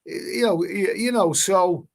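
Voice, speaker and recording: A man's voice: sits high, takes it slowly, gravelly. A man hosting a casual live stream, reading out chat comments and rambling with many repeated words and casual swearing. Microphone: webcam stream mic.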